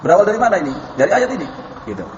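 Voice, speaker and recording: A man's voice: high-pitched, big pitch swings, very fast. A man giving an Islamic lecture, reciting Arabic verses, addressing listeners as sir and madam, and telling anecdotes. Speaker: Islamic preacher lecturing a class. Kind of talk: religious lecture on halal food. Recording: echoey hall, muffled, faint background noise.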